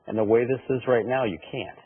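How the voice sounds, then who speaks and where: A man's voice: medium pitch, fairly even intonation, a little fast, breathy edge. A man on a township board, laying out his argument step by step at a public meeting. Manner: explanatory, builds an argument step by step. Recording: tinny lo-fi meeting audio.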